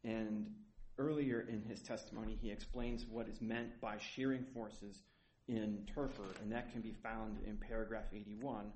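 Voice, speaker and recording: A man with a low, soft voice that trails off, arguing an appeal in a courtroom in a measured, methodical way. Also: level tone, a little hiss or hum. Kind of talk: courtroom oral argument. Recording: roomy courtroom recording.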